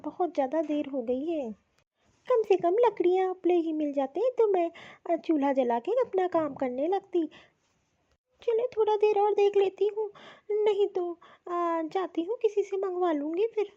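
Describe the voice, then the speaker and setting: A woman's voice: very high voice, unhurried, warm tone, highs cut off. A woman voicing a patient, apologetic young daughter-in-law who explains herself at length in a cartoon.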